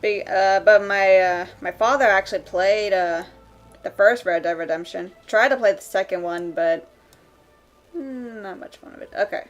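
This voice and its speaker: A woman streamer chatting casually while she draws, rambling with many fillers and quick laughs. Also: medium pitch, highs cut off. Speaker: streamer drawing live. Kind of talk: casual chat while drawing. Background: faint background music.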